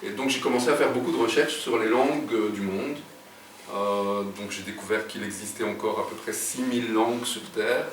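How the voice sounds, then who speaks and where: This is a hesitant man with a lowish voice speaking at normal speed, a guest writer telling stories in a casual interview. He uses many fillers and restarts. The recording is echoey and distant, made in a reverberant room with background noise.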